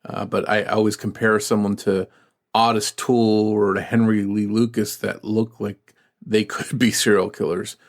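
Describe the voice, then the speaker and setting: A man co-hosting a true crime podcast, reading case details and then musing in a halting, measured way. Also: on the low side, level tone. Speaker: podcast co-host.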